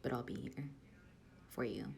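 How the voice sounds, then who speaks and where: A woman's voice: moderate pace, darkish tone. A young woman narrating a casual vlog as a barista, chatty and slangy, often joking about herself. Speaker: barista vlogger.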